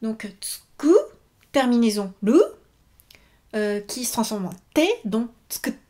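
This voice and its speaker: A woman's voice: fairly high pitch, unhurried, a little mellow. A woman teaching Japanese verb forms in a video lesson, patiently repeating each example.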